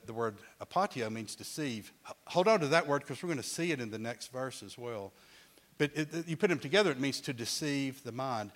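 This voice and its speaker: A middle-aged man leads a Bible class in a loose, conversational manner. He often repeats words as he restarts a thought and turns to his listeners with questions. His voice sits at an ordinary pitch for a man. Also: a bit bright.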